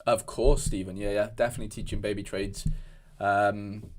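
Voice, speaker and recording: This is a young Welsh streamer talking casually at his desk in a room at home, rambling and restarting frequently as he replies to comments. His pitch is fairly low, his tone level, and his speed normal.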